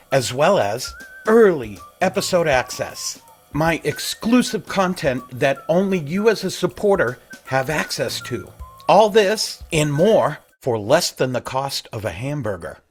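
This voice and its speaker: A man's voice: on the high side, big pitch swings, a little slow, soft background music. Enthusiastic man hosting a podcast. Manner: enthusiastic, asks rambling questions. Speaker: podcast host. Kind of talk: casual interview.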